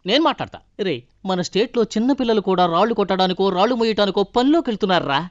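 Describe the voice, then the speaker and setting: A mocking young prankster, rattling off teasing gossip about his friends in a very high voice at breakneck speed. It comes through dull, lo-fi film audio. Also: expressive, very fast, no echo. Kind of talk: film comedy scene.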